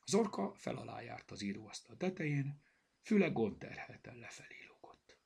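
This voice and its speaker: Husky, expressive man reading a children's story. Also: mid-range voice. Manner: expressive, switching into character voices. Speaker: storybook narrator.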